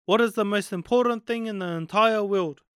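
A narrator voicing a wise, patient grandparent in storybook dialogue, with a Māori New Zealand accent and a measured, instructive manner. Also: medium pitch, smooth, dry recording, studio quality, lightly acted. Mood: patient, teaching. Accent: Māori New Zealand English.

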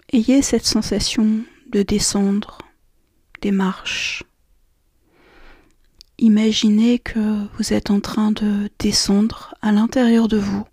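A woman guiding a relaxation and meditation session in a soft, slow, half-whispered voice. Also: medium pitch, husky, dry recording, clean studio sound. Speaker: relaxation guide. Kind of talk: guided meditation.

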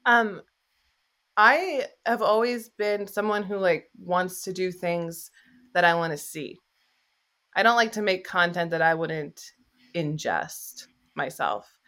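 A woman's voice: fairly low pitch, takes it slowly, fairly bright tone. A woman astrologer talking candidly in a casual podcast conversation, rambling with many fillers and restarts. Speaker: astrologer and YouTuber.

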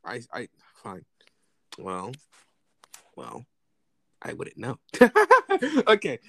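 A young man with a medium-pitched, creaky voice co-hosts a casual podcast with his sister, teasing and needling her in a mock-serious way. He records remotely, apart from his co-host, and the recording is dry.

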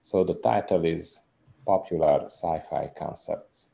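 A Hungarian man in his thirties, a musician guest in a casual interview, speaks English with a Hungarian accent. His voice is low and dark with vocal fry, a little slow, as he earnestly explains his work in rambling bursts full of restarts.

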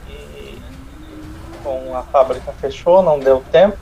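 A man's voice: mid-range voice, measured pace, gravelly, warm tone. A Brazilian man chats casually as a radio co-host. His voice comes through dull and lo-fi, with a little noise around it. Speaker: regular radio show co-host. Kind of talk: casual chat. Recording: dull lo-fi sound with faint noise.

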